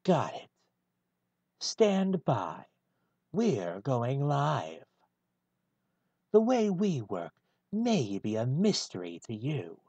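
A man voicing a gruff, brooding male hedgehog antihero in a one-take fan reading of a film script, deadpan and husky. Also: mid-range voice, very slow, long pauses, no echo, muffled recording, full character voice.

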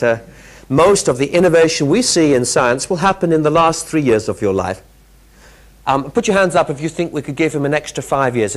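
Wearing a clip-on lapel mic, a middle-aged British keynote speaker with a fairly high-pitched voice fires quick questions at his audience. His talk is lively and interactive, held in a large hotel conference room.

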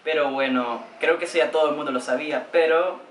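A man's voice: a little high, fast, slight background noise. A teenage boy from El Salvador with a Salvadoran Spanish accent, joking playfully through a comic vlog monologue in his bedroom, filmed by a camera a few steps away. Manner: playful, joking, lively gestures. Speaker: vlogger. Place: bedroom, indoors. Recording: roomy bedroom echo.

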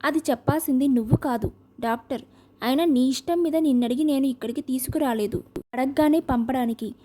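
A woman's voice: sits high, brisk, warm tone. A woman voicing a cold, aloof man in an audio novel, curt and dismissive.

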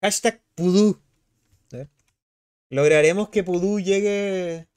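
A man's voice: sits high, slow, smooth. A young man with a Chilean accent, chatting casually on a live stream and reading chat aloud. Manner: animated, slangy, reads chat aloud.

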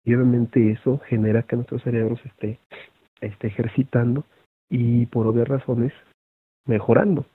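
A man with a Mexican accent, a teacher presenting an online session, gives a conversational lecture to fellow teachers, full of fillers and tag questions. His mid-range voice is husky, barely moves in pitch, and keeps a moderate pace. There's no echo, and the audio is thin and phone-like.

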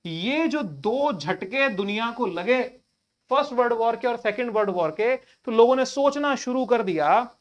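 Speaking unhurriedly in an extremely high, expressive voice, a male teacher gives a conversational exam-prep lecture. He poses rhetorical questions often and talks to students in a casual, colloquial way; the sound is lo-fi.

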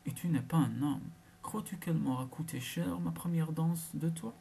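A woman's voice: deep voice, normal speed, vocal fry, mellow, slight background noise. A woman reading as a taunting young mistress. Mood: provoking. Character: capricious, provoking young woman, lover.

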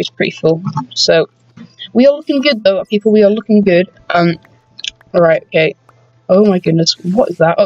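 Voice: medium pitch, darkish tone, no room sound. A gaming host giving chatty, rambling let's-play commentary, full of ums and asides to viewers. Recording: dull, dry lo-fi home recording.

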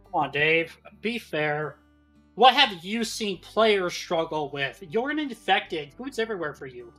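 A podcast host in a casual show chat, playful and animated, laughing often. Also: mid-range voice, unhurried, soft background music.

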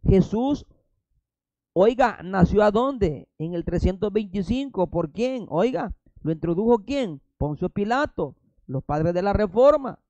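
High-voiced fiery Salvadoran preacher man. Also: animated, a little slow, mellow, no echo, lo-fi sound. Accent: Salvadoran Spanish. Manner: emphatic, fiery rhetorical questions, repeated "oiga" interjections. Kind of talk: sermon.

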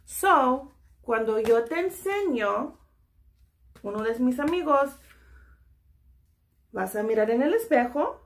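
Woman teacher walking little kids through drawing faces, high voice, bit of fry, keeps saying ok. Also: animated, slow, pauses often. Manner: gentle, checks in with "ok" after each step; mixes English "so" into Spanish. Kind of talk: children's drawing lesson.

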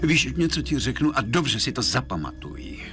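A man's voice: mid-range voice, sing-song, music in the background, close to an everyday voice. An actor playing a stern, controlling father in a dubbed TV drama. He speaks in a curt, commanding way.

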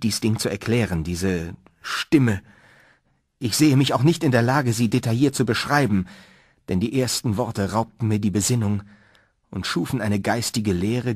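A man's voice: on the low side, husky, dry recording, studio quality. A man narrating a horror story in a dramatic, tense reading style. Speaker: audiobook narrator.

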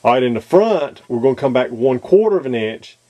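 A man talking through a model aircraft cockpit install at his workbench, off camera, pausing often with ums and restarts. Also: mid-range voice, very animated, a little mellow, muffled recording. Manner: hesitant, many ums and restarts. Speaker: model kit maker demonstrating installation. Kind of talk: casual how-to demonstration.

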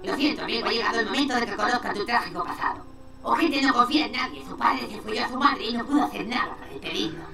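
A woman's voice: on the high side, racing, few pauses, lightly acted. A woman doing a bossy scheming cartoon boy. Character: scheming bossy boy in a raccoon hero costume. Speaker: team leader. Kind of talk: game dub acting. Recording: game audio from a distance, echoey, music behind.

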